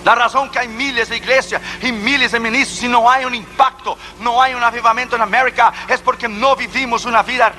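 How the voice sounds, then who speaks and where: A man preaches a sermon in a high, bright, forceful voice, pressing his points with one rhetorical question after another. A faint hum runs underneath the recording. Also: fairly even intonation, brisk, hardly any pauses, low-quality recording.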